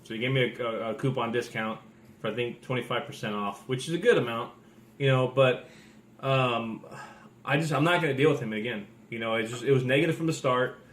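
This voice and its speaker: A man with a middle-pitched voice rants casually in an echoey room. He sounds blunt and disgruntled, swearing as he lays out his opinions like a collector talking to viewers. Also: brisk, a bit bright. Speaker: toy collector giving a video rant.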